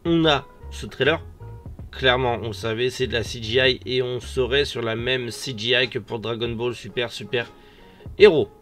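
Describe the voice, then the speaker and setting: A man with a mid-pitched voice hosts a casual news rundown over background music. He has a noticeable lisp with slushy s sounds, as his sore, swollen mouth makes articulation effortful. His delivery is informal, slangy and full of personal opinion. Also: moderate pace, fairly bright tone. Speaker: host of a manga and anime news show. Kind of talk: casual news commentary to online viewers. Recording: music behind the voice.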